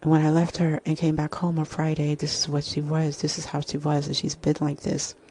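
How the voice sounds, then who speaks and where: A woman voicing an anxious young man, halting and worried. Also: low voice, completely flat delivery, dark tone, slight background noise, lightly acted.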